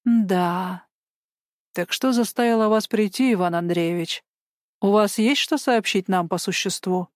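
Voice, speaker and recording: A woman voicing a stern, impatient male police major with a creaky, unpleasant voice in an audiobook. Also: medium pitch, measured pace, dry recording, studio quality, natural voice. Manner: gruff and commanding. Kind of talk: audiobook character voice.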